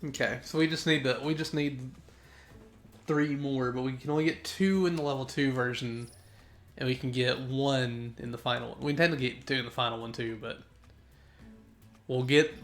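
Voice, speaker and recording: Faint music plays behind a young man streaming a game live, his medium-pitched voice fairly even and moderately paced. He chats with viewers and reads their messages, wandering off-track and fixing his own words, sneezing a bit today.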